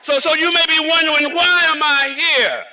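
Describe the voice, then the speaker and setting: A man from South Carolina with a drawl, giving a rousing rally speech outdoors in the cold. He speaks like a preacher, shouting lines and repeating his openers. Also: very high voice, moderate pace, heavy background noise. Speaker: reverend and state representative speaking at a rally.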